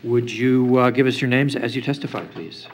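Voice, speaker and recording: A man's voice: medium pitch, fairly even intonation, moderate pace. Man chairing a hearing, rote official delivery. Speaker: chair of a public zoning hearing. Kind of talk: formal hearing procedure, reading cases and putting questions. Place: indoor public hearing room. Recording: noisy meeting room recording.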